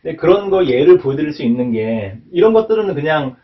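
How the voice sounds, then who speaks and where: A man's voice: on the high side, sing-song, fast. Hesitant man lecturing, distant muffled mic. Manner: hesitant, many fillers and tag questions. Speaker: English pronunciation teacher. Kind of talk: whiteboard lecture.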